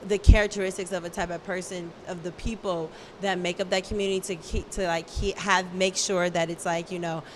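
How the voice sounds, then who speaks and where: A woman's voice: on the low side, level tone, brisk, few pauses, a little hiss or hum. A woman hosting a casual interview show, rambling with lots of fillers and restarts. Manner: rambling, filler-heavy, laughs often. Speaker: talk show host.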